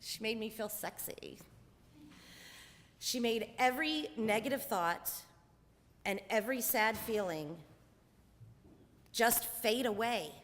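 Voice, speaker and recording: A woman's voice: a little high, animated, takes it slowly, pauses often, fairly bright tone, slight background noise. Woman in her forties, candid wry monologue, stage storyteller, long hall reverb.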